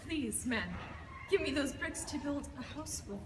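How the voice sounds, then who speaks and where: Lil storybook pig, high light falsetto, polite but plucky, echoey noisy hall. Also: male voice, lively intonation, measured pace, recorded from a distance. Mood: polite request.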